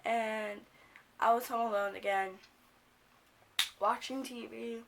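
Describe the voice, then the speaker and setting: Raspy young American woman with a cold. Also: on the high side, fairly even intonation, slow pace, noisy background. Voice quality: raspy, croaky smoker-like voice. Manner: rambling, informal, sweary. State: sick with a cold, coughing. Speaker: video blogger. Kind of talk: casual storytime.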